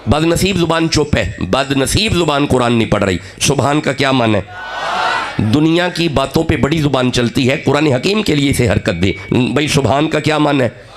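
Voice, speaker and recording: A man's voice: medium pitch, animated, moderate pace, background noise. A man delivering a fiery sermon to a crowd, rousing them with rhythmic repetition and calls to respond. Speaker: religious speaker.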